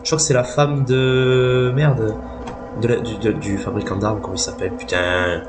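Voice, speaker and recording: A man's voice: lowish voice, fairly even intonation, moderate pace. A man giving casual, joking let's play commentary on a horror game, slangy and full of swearing, with a self-deprecating streak. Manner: crude, slangy, swears often. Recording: loud game music behind the voice. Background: horror game music.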